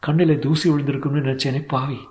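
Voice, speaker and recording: A man's voice: medium pitch, level tone, fast, darkish tone, pitched above the performer's own voice, lightly acted. Male reader playing a heartbroken old grandmother, defiant and pleading. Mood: grieving. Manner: pleading and scolding, tearful.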